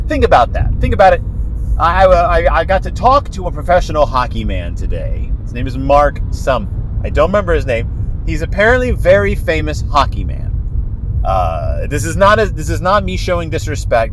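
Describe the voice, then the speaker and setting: A man's voice: a little high, poor audio. A man in his forties hosting a podcast while driving, talking in a rambling, self-deprecating way with theatrical asides. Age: 40s. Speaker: podcast host. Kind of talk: casual solo monologue. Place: inside a moving car. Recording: road noise from a driving car.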